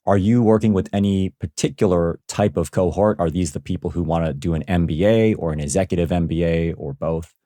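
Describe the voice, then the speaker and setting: A man's voice: sits low, a little fast, few pauses, dark tone, no room sound, clean studio sound. A man hosting a career podcast and asking his guest questions. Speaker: podcast host. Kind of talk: interview podcast.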